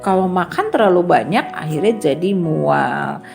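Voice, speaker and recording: A woman kindergarten teacher telling a Bible story to young children in a lively way, asking them questions. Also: on the low side, unhurried, vocal fry, soft background music.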